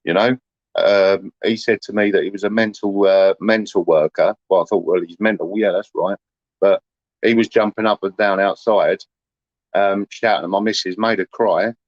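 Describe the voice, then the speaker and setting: A man's voice: lowish voice, steady tone, normal speed, dry recording, dull audio. A man, chatting casually to livestream viewers in a rambling, aggrieved way, full of "you know".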